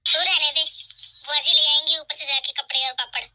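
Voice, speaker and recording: A woman voicing a domineering, taunting mother-in-law in an animated family drama, who scolds sharply. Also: sits high, a little fast, soft background music, low-quality recording. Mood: scolding. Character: bossy, scolding middle-aged mother-in-law.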